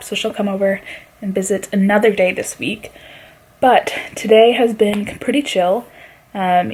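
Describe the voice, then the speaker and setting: A woman's voice: mid-range voice, creaky, a little mellow, husky. A woman in her twenties chatting casually in a vlog from her bedroom at home, filling her talk with "like" and laughing often. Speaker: vlogger.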